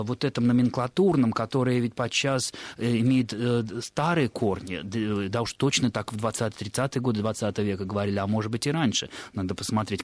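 A man, a language expert, talking briskly on a radio call-in show, lecturing with some hesitant fillers. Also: medium pitch, no room sound.

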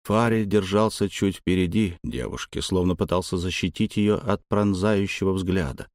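A man narrating a first-person story in a steady, even way. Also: sits low, normal speed, no echo, studio quality. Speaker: audiobook narrator.

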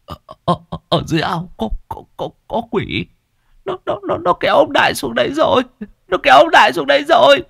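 A man voicing a brash, strong young village man who shouts and stammers in fright. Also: very high-pitched, very animated, fairly quick, vocal fry, husky, no room sound, studio quality, voice pushed up, full character voice. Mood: terrified stammer.

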